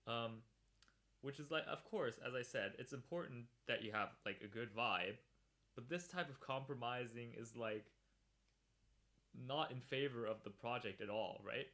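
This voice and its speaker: A man's voice: medium pitch, normal speed, bright, forceful tone. A man hosting a livestream podcast, chatting casually, laughing often and reacting to viewers in chat.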